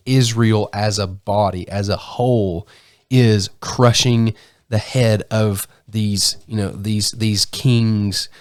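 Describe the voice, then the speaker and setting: A man's voice: lowish voice, no room sound. A man with a sick voice, co-hosting a casual Bible discussion podcast and often restarting his sentences. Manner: restarts often, self-correcting. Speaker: podcast co-host. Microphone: studio mic.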